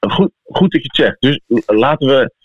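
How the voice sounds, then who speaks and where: A man from the Netherlands with a Dutch accent hosts a podcast, chatting casually and informally. His mid-range voice is animated and husky at a moderate pace, and the recording sounds thin and phone-like in an echoey room.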